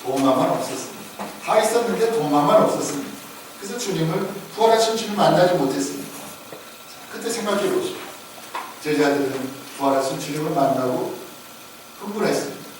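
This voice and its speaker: Male pastor, sermon delivery, lively questions to the pews; distant mic in a reverberant sanctuary, faint hiss. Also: high-pitched. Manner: asks the congregation questions and acts out disciples' voices. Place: church sanctuary. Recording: echoey church recording from far off, faint noise.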